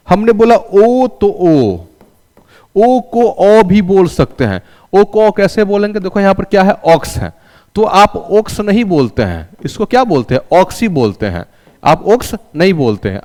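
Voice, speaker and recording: Lively-voiced man teaching an English class. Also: sits high, big-room sound. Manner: asks questions and answers them himself; calls students "raja".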